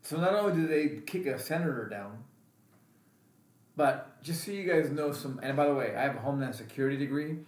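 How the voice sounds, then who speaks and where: Man, veteran vlogger, angry and emphatic, political rant, mid pitch, roomy echo. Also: brisk, darkish tone. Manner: angry, emphatic, repeats himself.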